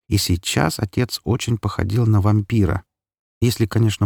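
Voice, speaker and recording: A man narrating an audiobook in a steady, even storytelling voice on a close studio mic. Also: low-pitched, dry recording. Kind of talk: scripted narration.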